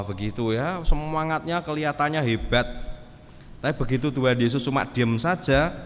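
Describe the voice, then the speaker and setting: Pastor preaching in a reverberant hall. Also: male voice, mid-range voice, slight background noise. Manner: lively storytelling, acting out voices in dialogue. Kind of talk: sermon. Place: church hall.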